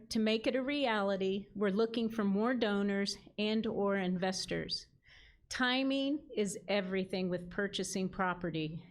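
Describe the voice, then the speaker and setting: A woman ministry leader giving a prepared gala speech in an earnest, measured reading. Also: mid-range voice.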